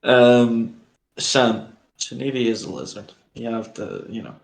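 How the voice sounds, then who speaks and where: A man playing his character in a tabletop game, talking in a playful, flattering way. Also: mid-range voice, unhurried, creaky. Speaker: player. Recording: roomy echo.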